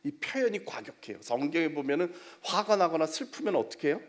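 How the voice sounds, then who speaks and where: A man with a high voice preaches an evening sermon to a church congregation. He puts questions to the listeners and answers them himself. He moves from loud, rising declarations to quiet, breathy near-whispers. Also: very animated, a little fast. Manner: swings between loud emphatic declarations and hushed near-whispers. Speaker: guest preacher, professor.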